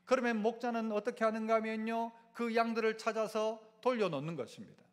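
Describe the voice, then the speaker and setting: High-voiced Gyeongsang Korean pastor preaching. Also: male voice, a little fast. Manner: call-and-response preaching, asks the congregation to repeat. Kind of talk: sermon. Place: church sanctuary. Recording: long church hall reverb.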